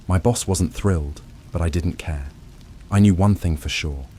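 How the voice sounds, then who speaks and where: A man narrating a first-person horror story in a scripted, tense storytelling manner with dramatic pauses. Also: low-pitched, warm tone, a little hiss or hum.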